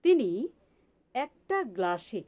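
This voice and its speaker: A woman's voice: a little high, very animated, takes it slowly, a little mellow. A woman giving a spiritual teaching talk on meditation for farmers, repeating her points and asking the listeners rhetorical questions.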